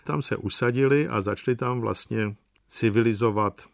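A man telling travel anecdotes in an unhurried, wry and reflective way. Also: medium pitch, creaky, dry recording, clean studio sound. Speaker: storyteller.

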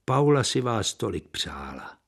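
A man reading the part of a small, dry old man in an audiobook, hurried and urgent. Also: fairly low pitch, sing-song, gravelly, breathy edge, full character voice.

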